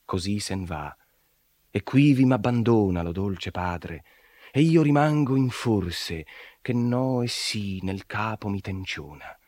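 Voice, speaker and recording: A man's voice: fairly low pitch, expressive, slow, darkish tone, no echo. A man giving a dramatic, declamatory recitation of epic poetry, rising and falling in intensity. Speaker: reader.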